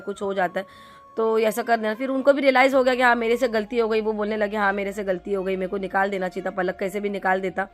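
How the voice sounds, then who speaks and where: A middle-aged woman from India telling a vlog story to her viewers, chatty and rambling with lots of fillers and restarts. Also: on the high side. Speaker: vlogger.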